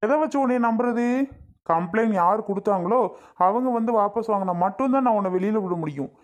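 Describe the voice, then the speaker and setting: Guy playing a cartoon police officer, firm and plain, voice on the high side. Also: brisk, lightly acted. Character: stern but fair police officer, adult man.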